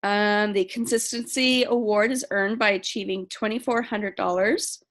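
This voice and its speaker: A woman's voice: mid-range voice, steady tone, normal speed. A woman casually walking a sales team through program rules, reading questions aloud and answering them with frequent ums. She says she is losing her voice. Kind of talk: casual training talk.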